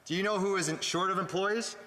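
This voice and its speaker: A Canadian man delivers an earnest speech as a member of parliament. His voice is fairly high and forceful, with emphatic short phrases. It rings through a large, reverberant chamber. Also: steady tone, a little fast. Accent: Canadian English. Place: large indoor legislative chamber. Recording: echoey chamber with long reverb.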